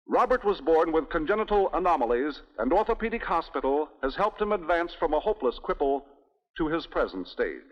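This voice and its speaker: An American man narrating a scripted 1960s newsreel in the presentational manner of an old newsreel narrator, with rhetorical asides. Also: on the high side. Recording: dull 1960s newsreel soundtrack, reverberant.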